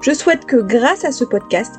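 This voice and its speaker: A woman teacher reading a polished, scripted introduction to her podcast in a clear voice. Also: fairly high pitch, expressive, normal speed. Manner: clear, polished delivery over an intro jingle. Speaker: French teacher and podcast host. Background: music bed.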